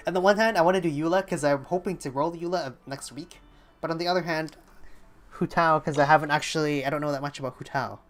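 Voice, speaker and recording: This game streamer, a young woman, talks quickly in a deep voice over game music. She chats casually during her livestream and thinks aloud, hesitating at times.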